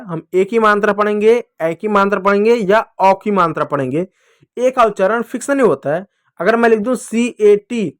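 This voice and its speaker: Male teacher, high voice, dry close sound, patient children's phonics lesson. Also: no room sound. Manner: patient, repeats and asks pupils questions.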